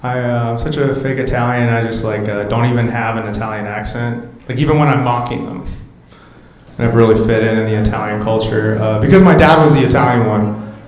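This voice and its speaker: A man's voice: mid-range voice, steady tone, fairly quick. A man in his thirties doing a brash stand-up comedy set, working the crowd and slipping into mocking voices. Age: 30s. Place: comedy club stage before a laughing crowd. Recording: roomy club sound with loud crowd.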